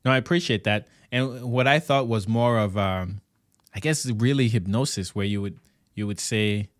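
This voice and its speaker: Male interview host from Cameroon, low voice, dry sound, reflective and halting delivery. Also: dry recording. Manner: thoughtful, halting, laughs often. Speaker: podcast host. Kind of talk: casual conversational interview.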